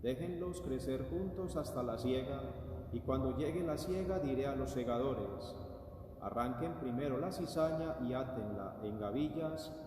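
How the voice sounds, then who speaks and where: A man, a priest, reads the Gospel at Mass in a measured, solemn way, with cathedral echo. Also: mid-range voice, lively intonation, warm tone, slight background noise. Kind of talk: liturgical Gospel reading. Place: large church. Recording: echoey church hall from far off.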